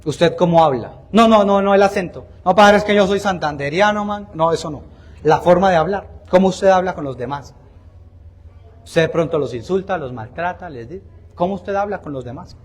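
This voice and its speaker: Delivering a Sunday sermon in church, a man speaks at a moderate pace with a fairly high pitch, lively intonation, and a darkish tone. He hammers his points home with repetition, questions the congregation directly, and pokes fun at himself.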